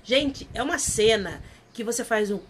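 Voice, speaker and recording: A fairly high-voiced woman, talking effusively as she hosts a casual review. She recounts scenes and slips into the characters' lines. Faint noise hums under her voice. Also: expressive, normal speed. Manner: effusive, retells scenes acting out dialogue. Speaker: channel host reviewing series.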